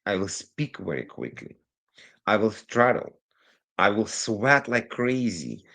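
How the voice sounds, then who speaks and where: A low, gravelly-voiced Israeli cybersecurity consultant joins a remote call as a guest, speaking English as a second language. He recounts his story energetically in a conversational interview, sometimes rushing and often drifting into tangents.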